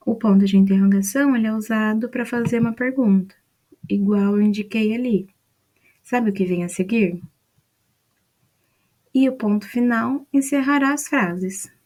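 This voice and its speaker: A woman's voice: a little high, normal speed, pauses often, darkish tone. A woman with a Brazilian Portuguese accent, patiently explaining grammar rules step by step from a mind map. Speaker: student presenting a study mind map.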